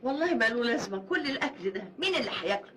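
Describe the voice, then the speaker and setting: Fussing Egyptian aunt, middle-aged, distant noisy soundtrack. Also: female voice, a little high, expressive, rapid-fire, sharp tone.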